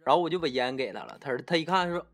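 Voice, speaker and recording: A man with a Northeastern Mandarin accent chatting casually as a podcast co-host, telling stories with halting restarts. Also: fairly high pitch, faint music behind. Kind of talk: casual chat.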